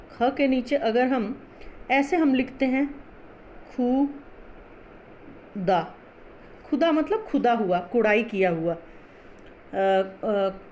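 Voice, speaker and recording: A woman teaching a Hindi class, explaining pronunciation slowly and patiently, spelling out sounds syllable by syllable. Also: fairly high pitch, darkish tone, lo-fi sound, slight background noise.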